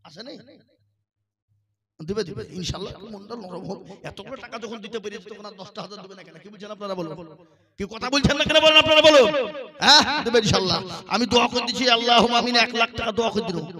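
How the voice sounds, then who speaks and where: A man giving a joking fundraising sermon at a religious gathering, pleading and repeating himself, with sudden loud calls. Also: high voice, racing. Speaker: preacher collecting donations. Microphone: public address microphone.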